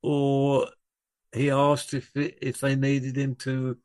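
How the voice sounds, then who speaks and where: An older man, a drummer, is a guest in a conversation, spinning rambling stories and correcting himself along the way. His voice is medium-pitched, monotone and somewhat dark, and he speaks slowly in a relaxed storytelling mode.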